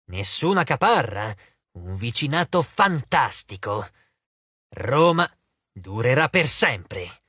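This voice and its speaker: A man's voice: mid-range voice, bright, forceful tone, slightly rough, no echo, pitched below the performer's own voice, exaggerated voice. A man voicing a vengeful ancient water nymph. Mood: lamenting. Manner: slow, menacing, honeyed. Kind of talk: audiobook character voice. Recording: dry close studio sound.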